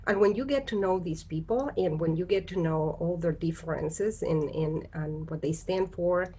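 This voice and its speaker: A woman's voice: on the low side, normal speed, warm tone, breathy edge. A woman from Costa Rica, speaking as a guest on a virtual panel, explaining earnestly and often checking in with "right?" over a video call. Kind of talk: conversational virtual panel talk.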